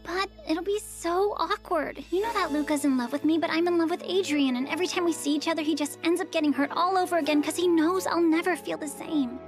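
A woman's voice: very high voice, fast talker, hardly any pauses. A woman voicing an anxious, earnest teenage girl in a cartoon, rambling and flustered. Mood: anxious, pleading. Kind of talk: animated cartoon dub acting. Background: background music.

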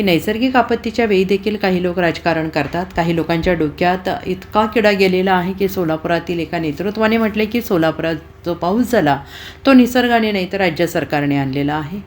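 A woman reporter reading a scripted news voice-over in a brisk, formal manner. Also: medium pitch, a little hiss or hum.

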